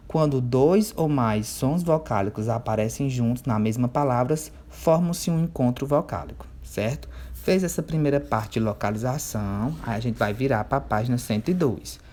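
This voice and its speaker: Man, teacher of young kids, patient, drawls words out slowly to spell them, keeps checking that the class follows. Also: medium pitch, dark tone. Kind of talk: remote workbook lesson for children.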